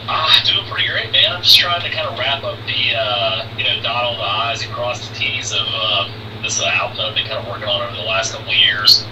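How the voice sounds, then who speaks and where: A man's voice: lowish voice, fairly quick. A man calling in over a speakerphone as a musician guest, chatting in an easygoing way full of fillers. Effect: heard over a speakerphone. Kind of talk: casual chat. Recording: distant echoey speakerphone with noise.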